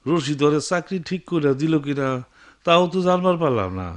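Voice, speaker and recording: A man's voice: fairly high pitch, brisk, natural voice. An actor playing a worried, poor village father waiting for news of his son, speaking rural dialect, in a television drama.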